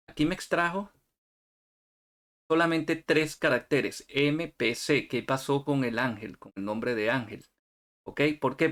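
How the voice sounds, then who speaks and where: A man's voice: medium pitch, fairly bright tone. Man walking viewers through a tutorial. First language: Spanish. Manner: talks viewers through steps, checking in with "¿ok?". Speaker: instructor. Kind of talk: software tutorial screencast.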